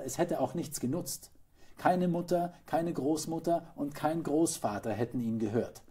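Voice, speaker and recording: A male actor reading a children's story aloud with gentle, expressive storytelling. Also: medium pitch, breathy edge.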